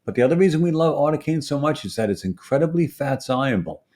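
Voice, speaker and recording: Talking fast with lively intonation, a guest expert in dental pharmacology lays out his explanation in a Brooklyn accent. His voice sits slightly high and has a darkish tone. The delivery is emphatic and teacherly, peppered with tag questions such as "right" and "okay."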